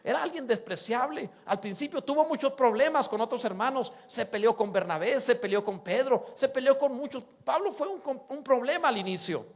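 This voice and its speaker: A man preaching a sermon, animated, acting out quoted voices and swinging between loud exclamations and soft asides. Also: extremely high pitch, a little fast, hardly any pauses. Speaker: pastor.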